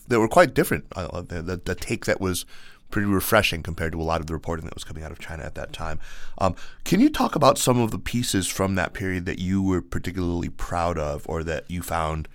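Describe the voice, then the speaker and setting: A man hosting a podcast, talking in a relaxed, joking way with frequent restarts. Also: low voice, no room sound. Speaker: podcast host. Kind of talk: casual podcast conversation.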